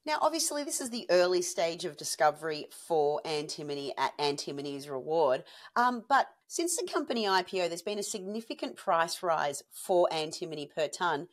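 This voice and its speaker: A woman's voice: lowish voice, sing-song, moderate pace, few pauses. A woman hosting a business news interview, asking questions in an upbeat, enthusiastic way. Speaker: host.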